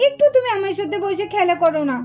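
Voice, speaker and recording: Brief: woman voicing a sly, sweet-talking puppet-show girl, very high voice. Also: expressive, quick pace. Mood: coaxing. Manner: coaxing, innocent-sounding.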